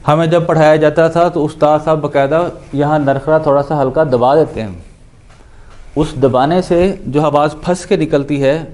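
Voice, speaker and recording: Man, recitation teacher, patient, slow repeated syllables, fairly high voice. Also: a little mellow. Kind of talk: explanatory lesson on pronunciation.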